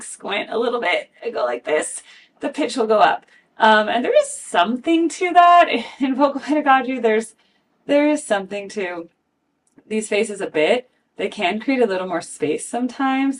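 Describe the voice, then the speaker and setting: Low-voiced woman voice teacher, chatty. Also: far from the mic, slight background noise. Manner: candid, chatty, analytical, heavy use of "like". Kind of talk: casual reaction commentary.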